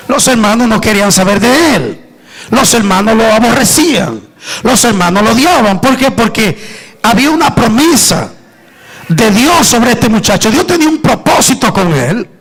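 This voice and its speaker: A man's voice: extremely high pitch, a bit bright, slightly rough, poor audio. A male pastor preaching an impassioned sermon to a church congregation, with emphatic calls for the listeners to respond.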